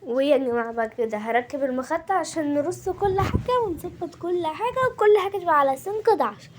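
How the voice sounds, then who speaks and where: Egyptian woman, home vlogger, high bright pitch, chatty narration to her viewers, faint background noise. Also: lively intonation, fast. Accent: Egyptian Arabic. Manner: chatty, talks straight to viewers as a group. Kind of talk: casual home-cleaning vlog narration.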